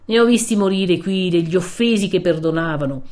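Female reader as severe elderly friar, storybook reading: solemn, rebuking, lower voice. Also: darkish tone, lightly acted. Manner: solemn, rebuking, slow and grave at times. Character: stern old male friar, severe and righteous.

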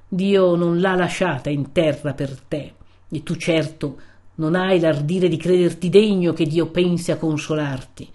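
Female reader as severe elderly friar, storybook reading: solemn, rebuking, lower voice. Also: steady tone, warm tone, natural voice. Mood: stern rebuke. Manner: solemn, rebuking, slow and grave at times. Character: stern old male friar, severe and righteous.

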